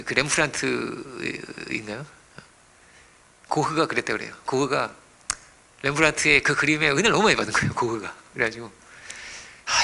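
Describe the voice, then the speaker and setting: A man preaching a sermon as pastor, dropping to hushed whispers and rising to loud exclamations, often asking the congregation questions. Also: fairly high pitch, vocal fry. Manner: dramatic swings between hushed whispers and raised exclamations; asks the congregation rhetorical questions.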